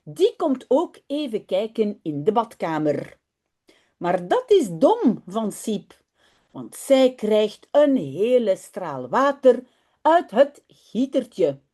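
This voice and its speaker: Speaking slowly in a mid-range voice, a woman language teacher reads a children's story aloud from her home office and then explains it in a friendly, animated way into her webcam mic.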